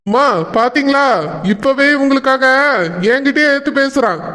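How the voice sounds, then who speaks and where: A hot-headed young brother, high and sharp. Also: male voice, steady tone, normal speed. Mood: indignant. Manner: accusing, indignant.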